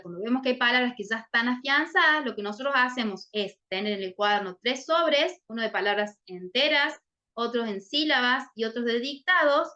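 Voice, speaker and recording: Woman, teacher, explanatory, keeps asking "right?", bright tone, muffled recording. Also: on the high side. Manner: checks in often with "¿sí?". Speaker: literacy teacher explaining a case. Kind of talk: explanatory lesson talk.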